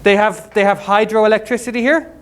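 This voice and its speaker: A man's voice: high voice, steady tone. Chatty male teacher explaining vocabulary. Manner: quick, chatty, jokey explanations with examples. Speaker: English teacher. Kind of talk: classroom teaching. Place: school classroom.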